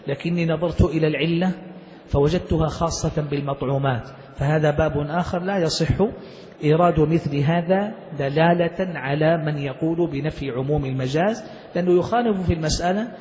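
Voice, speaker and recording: A man's voice: on the high side, brisk, darkish tone, a little hiss or hum. A male sheikh teaching a classical text, explaining it step by step and putting questions to his students. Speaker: sheikh teaching Islamic jurisprudence. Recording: dull lo-fi recording with long hall reverb.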